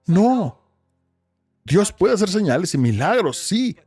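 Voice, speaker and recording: A man's voice: high-pitched, big pitch swings, slow, a little mellow, slightly rough, soft background music. A man preaching a sermon as pastor, emphatic, with rhetorical questions and repetition.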